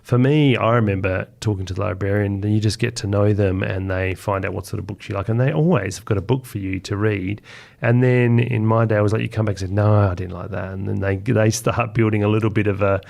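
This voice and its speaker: An Australian guest author chats enthusiastically and informally in a casual conversational interview. His fairly low, gravelly, darkish voice stays steady in tone and moves fairly quickly.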